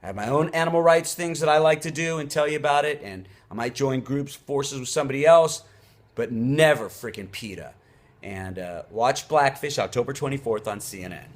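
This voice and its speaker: A man's voice: mid-range voice, brisk, hardly any pauses. A man who hosts a show, delivering an off-the-cuff opinion rant in an emphatic, indignant way, leaning hard on key words. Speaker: show host.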